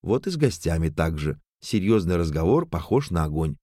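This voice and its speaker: A man voicing a thoughtful man who explains things patiently and in a measured way. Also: deep voice, very animated, warm tone, no echo, clean studio sound.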